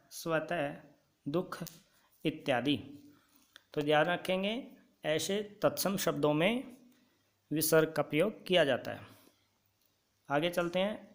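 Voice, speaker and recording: A male teacher giving a grammar lesson, dictating notes slowly and repeating key points for students to write down. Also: on the high side, fairly bright tone.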